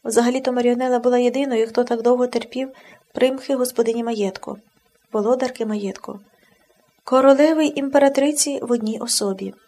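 A woman narrating an audiobook in an expressive, measured reading. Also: on the high side.

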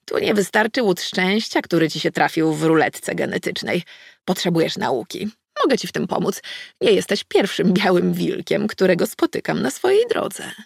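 A woman reading an audiobook, voicing an ancient, scarred and mischievous she-wolf goddess who talks in a slow, drawn-out, teasing way. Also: on the low side, very animated, vocal fry, breathy edge, no room sound, clean studio sound, heavily acted. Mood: sly. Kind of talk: audiobook character voice.

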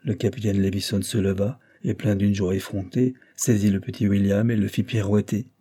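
A man narrates a classic novel in a steady, unhurried reading. His voice is low and mellow, with a husky, breathy texture. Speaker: audiobook narrator. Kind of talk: scripted storybook narration.

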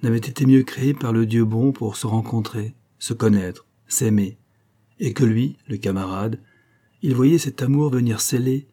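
A man narrating a classic novel as an audiobook, reading in measured, phrase-by-phrase delivery. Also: medium pitch, dark tone, breathy edge.

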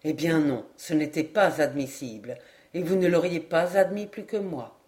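A woman reading an audiobook, voicing an earnest, deeply moved young doctor in a lowered, soft-spoken voice. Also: normal speed, natural voice.

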